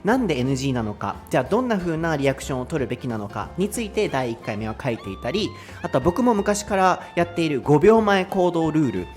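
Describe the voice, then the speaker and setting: Brief: male Japanese podcast host, lively teacher, quick and expressive. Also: fairly high pitch, faint music behind. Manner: lively, explains with laughter. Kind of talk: casual bilingual lesson chat.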